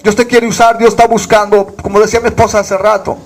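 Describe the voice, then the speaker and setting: A man's voice: sits high, level tone, quick pace. A man from Bolivia preaching a sermon as pastor, fervent, with rhetorical questions.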